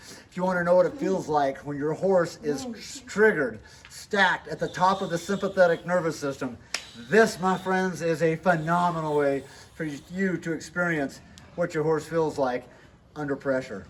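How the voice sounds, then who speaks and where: A man giving a casual motivational talk to camera, emphatic, pausing and repeating phrases. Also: on the high side, a bit bright, slight background noise. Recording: music behind the voice.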